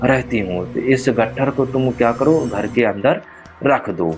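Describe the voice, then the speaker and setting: A man voicing a frail old village grandmother who talks slowly and sweetly, in a told horror story. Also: mid-range voice, slightly rough, faint music behind. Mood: coaxing.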